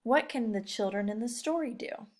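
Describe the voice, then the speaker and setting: Her voice a little high and her speed normal, a young teacher leads children through a read-aloud lesson. She chats easily and encouragingly, putting plenty of questions straight to her young audience.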